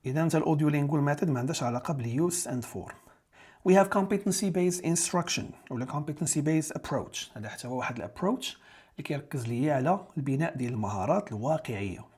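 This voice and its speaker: A Moroccan man teaches an exam-prep lesson, switching between Darija and English terms. His voice is husky and a little high for a man. He talks quickly, and he repeats and rephrases each key term so it sticks. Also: animated, darkish tone. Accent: Moroccan Arabic.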